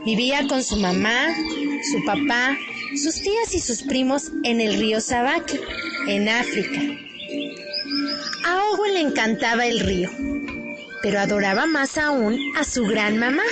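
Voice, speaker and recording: Female children's storyteller, high register, sing-song and bright read of a picture book, loud music bed. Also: animated, measured pace, long pauses. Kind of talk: scripted storybook narration for young children.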